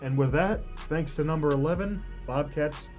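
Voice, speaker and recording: Conversational male color commentator, slightly high voice. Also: moderate pace, darkish tone, soft background music. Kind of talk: live sports color commentary.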